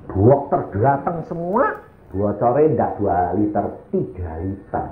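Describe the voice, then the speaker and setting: A man's voice: on the low side, slow pace, reverberant, phone-quality sound, a little hiss or hum. A male evangelist tells a story in a sermon, acting out each of its characters. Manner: animated, acts out the characters in his story.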